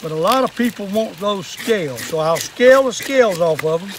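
Older southern guy, high voice, folksy old fisherman explaining stuff outside, some noise behind him. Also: animated, fairly quick. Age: older, 60s or above. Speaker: fishing and fish-cleaning demonstrator. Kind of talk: casual hands-on how-to demonstration. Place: outdoors in a wooded yard at a table.

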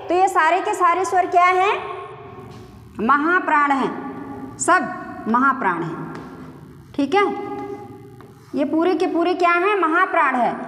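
Brief: middle-aged woman teacher, very high voice, repetitive classroom questioning, roomy reverb. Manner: repetitive, asks and answers own questions; drawn-out demonstration vowel sounds. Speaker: Hindi grammar teacher. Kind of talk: classroom-style lesson. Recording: echoey room reverb.

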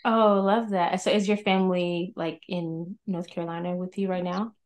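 A woman's voice: lowish voice, fairly even intonation, normal speed, darkish tone. A young woman hosting a podcast over a video call on headphones, upbeat and chatty, often saying "like". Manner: upbeat, chatty, uses "like" a lot. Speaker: podcast host. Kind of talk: casual interview chat. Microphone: over-ear headphones, video call.

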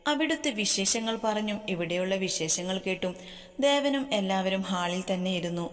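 A woman's voice: medium pitch, lively intonation, moderate pace, faint music behind. Woman narrating a romance story, reverberant. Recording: long hall reverb.

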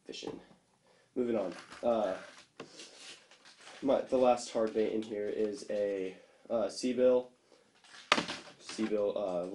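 A young adult man with a low, dark voice hosts a fishing channel, seated at a table in a small indoor room. He reviews lures casually, rambling with plenty of fillers and restarts, and the recording has a roomy echo and faint background noise.

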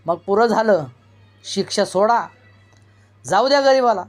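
Reader doing a brave young village guy, firm and stern, slow steady lines. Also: medium pitch, faint music behind, natural voice. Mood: pleading firmly. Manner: firm, rising to anger.

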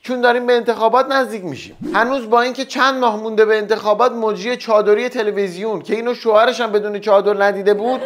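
A young man hosts a comedy show with a strikingly high-pitched voice. He runs a satirical stand-up monologue full of teasing jokes and quick asides. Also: steady tone.

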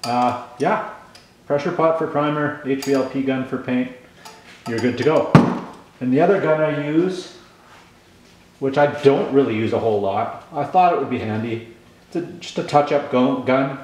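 A man's voice: medium pitch, normal speed, pauses often, a little mellow, slight background noise. Gum-chewing man in an echoey room. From Canada. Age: 40s. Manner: rambling, lots of ums and restarts. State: chewing gum, slightly mumbled. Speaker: channel host. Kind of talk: casual tool demo vlog.

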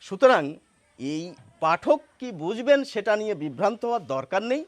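A man's voice: high-pitched, sing-song, fairly quick. A man explaining spelling rules step by step, asking and answering his own questions. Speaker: Bengali spelling teacher. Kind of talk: explanatory lesson.

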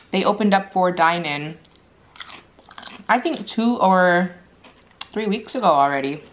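A woman in her thirties chatting casually between bites as she crunches chips and chews, like a mukbang vlogger in a living room. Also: lowish voice. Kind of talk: casual chat while eating.

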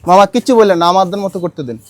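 Gentle coaxing man, high voice. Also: very fast. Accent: Bangladeshi Bengali. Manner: gentle, coaxing, repeats requests. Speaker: street outreach volunteer. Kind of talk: coaxing street talk. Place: outdoors on a city street.

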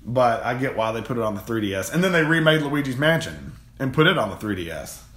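His voice is medium-pitched, sing-song, quick, and fairly bright as this young man co-hosts a laid-back gaming chat. He rambles eagerly, often repeats words, and sits in an echoey home room with games on the shelf behind.

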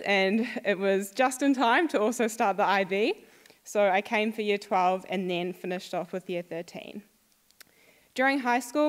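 A young woman with a New Zealand accent giving a friendly, upbeat prepared talk to a school audience. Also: medium pitch. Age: young adult. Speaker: alumna speaker. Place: school hall. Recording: long hall reverb.

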